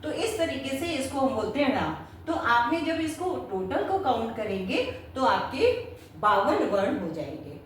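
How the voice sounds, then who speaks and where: A woman's voice: sits high, sing-song, moderate pace. Patient lady teacher going step by step, swoopy voice, faint hiss, far from the mic. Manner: patient, repeats "ठीक है" and checks with questions. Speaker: Sanskrit teacher. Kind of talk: explaining at a whiteboard. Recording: very echoey room, mic far off, faint noise.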